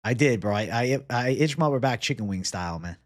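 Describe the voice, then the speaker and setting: A man's voice: mid-range voice, lively intonation, quick pace, no room sound, clean studio sound. A man in his twenties hosting a livestream, chatting casually with viewers in slangy, sweary bro-talk. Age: 20s. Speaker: livestream host. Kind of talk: casual livestream chat, reading and answering viewer comments.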